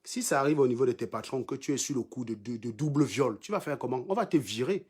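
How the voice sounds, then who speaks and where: A man with a Cameroonian French accent runs a live stream and goes after his commenters with scorn. His voice sits at a middle pitch, and he hammers his points by saying them over again in a combative, mocking tone. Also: lively intonation, fast talker, a little mellow, husky. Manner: mocking, combative, repeats lines for emphasis. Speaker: livestream host. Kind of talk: insulting live-stream rant.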